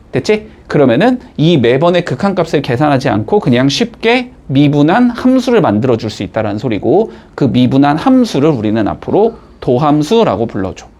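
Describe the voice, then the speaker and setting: Male math teacher, fairly high and animated voice, talks in step-by-step explanations with frequent quick check-ins. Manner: checks in constantly with quick rising tags. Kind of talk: classroom lecture.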